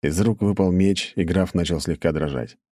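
A man narrating an audiobook in a lively, expressive storytelling manner. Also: low-pitched, moderate pace, no echo.

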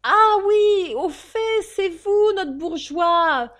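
A woman's voice: very high voice, animated, drawn-out words, a bit bright, pitched above the performer's own voice, heavily acted. A woman voicing a sleepy, coarse male cab driver who grumbles in slang, in an audiobook. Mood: grumbling.

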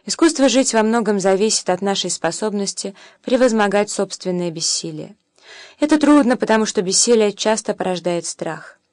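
Woman reading as a gentle philosophical mother. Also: medium pitch, expressive, normal speed, no room sound, lightly acted. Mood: gentle, reflective. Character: tender, philosophical young mother teaching her son.

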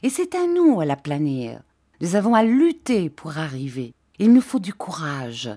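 A woman reader voicing an earnest young man who coaxes his fiancée gently. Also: fairly low pitch, expressive, a little slow, no room sound. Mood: tender.

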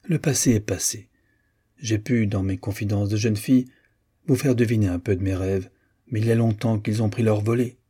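A man's voice: on the low side, steady tone, moderate pace, warm tone, slightly rough. A man voicing a reserved, melancholy young American woman in an audiobook, speaking curtly and firmly. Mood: guarded. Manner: curt, firm, restrained. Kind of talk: audiobook character voice.

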